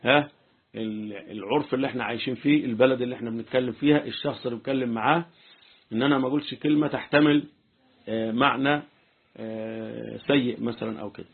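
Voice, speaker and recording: A man's voice: mid-range voice, steady tone, fast talker, gravelly, husky. A man with an Egyptian Arabic accent teaching an informal religious lesson, often checking that his listeners follow. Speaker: sheikh teaching Quran commentary. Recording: tinny phone-like lo-fi recording.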